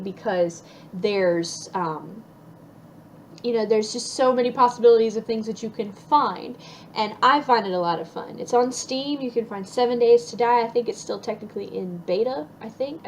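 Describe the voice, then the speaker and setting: A woman's voice: mid-range voice, poor audio. Young woman rambling cheerfully about stuff she loves, lots of ums, slight hiss in the back. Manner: chatty, upbeat, frequent ums and restarts. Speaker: vlogger. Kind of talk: casual list vlog.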